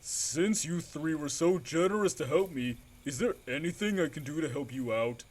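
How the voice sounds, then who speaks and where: A man's voice: on the high side, animated, moderate pace, a little mellow. A man voicing a timid male gorilla with allergies who apologizes and stammers. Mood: eager. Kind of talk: fan audio drama acting.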